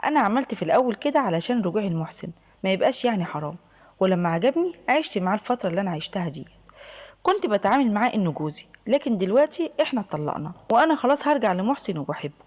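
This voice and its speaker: A woman's voice: medium pitch, big pitch swings, rapid-fire, big-room sound. A woman with an Egyptian accent voicing her friend, a young divorced woman explaining herself earnestly and insistently.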